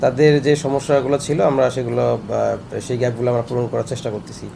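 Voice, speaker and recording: A man, a company administration manager, answering reporters in a measured official way, pausing often with hesitation sounds. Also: medium pitch, little pitch movement, gravelly. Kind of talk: on-the-spot press statement. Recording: noisy street recording.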